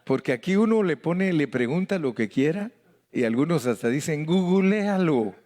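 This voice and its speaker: A man's voice: fairly high pitch, lively intonation, moderate pace, darkish tone. A middle-aged man with a Mexican accent, a pastor leading a Bible study in a joking, folksy way that mimics voices and calls out to the congregation. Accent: Mexican Spanish.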